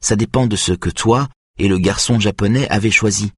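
Male reader playing an anxious young female violinist, higher and strained, audiobook. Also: breathy edge, dry recording, clean studio sound. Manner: higher, tense, quick-tempered.

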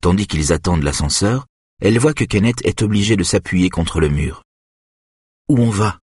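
Deep husky guy reading an audiobook, steady, dry close sound. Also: brisk, no room sound. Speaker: audiobook narrator. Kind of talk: scripted audiobook narration.

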